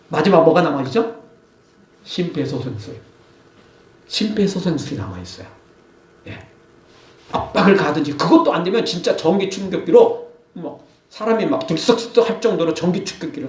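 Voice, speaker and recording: A male pastor preaching a sermon, animated, acting out scolding quotes. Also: high-pitched, brisk, pauses often, reverberant, far from the mic. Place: church.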